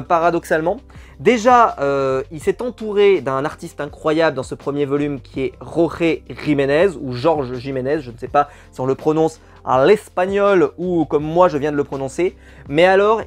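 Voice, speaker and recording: A man hosting his channel, talking casually and at length about comic books, with many fillers and asides. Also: a little high. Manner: chatty, many fillers and asides, upbeat bursts. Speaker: comics reviewer. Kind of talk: casual review talk.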